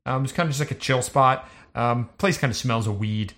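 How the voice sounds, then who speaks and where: A man's voice: mid-range voice, a little fast, a bit bright. A man running a tabletop game as game master, narrating scenes in a casual, loosely improvised, conversational way.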